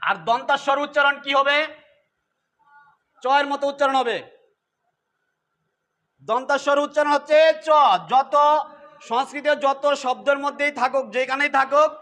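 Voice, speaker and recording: High, bright-voiced man teaching pronunciation. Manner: explains step by step, repeating example words. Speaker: teacher of Gita recitation. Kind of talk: pronunciation lesson.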